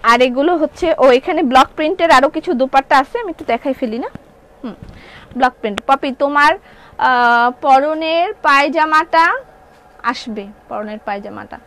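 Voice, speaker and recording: A woman with a sore throat selling clothing live in a showroom. She chats quickly, reads viewer comments aloud and keeps repeating prices and how to order. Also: high voice. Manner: chatty, lively, repeats prices and order steps. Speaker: online clothing seller.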